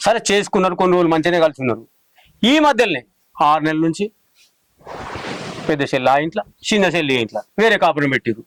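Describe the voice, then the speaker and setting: A man's voice: on the high side, animated, fairly bright tone, a little hiss or hum, poor audio. A man playing an irritable father in a village comedy. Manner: irritable, rapid. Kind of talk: scripted village comedy acting.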